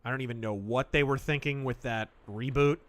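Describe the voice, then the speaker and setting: An American man hosting a game livestream with casual, emphatic, joking and excitable commentary. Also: mid-range voice, a little fast.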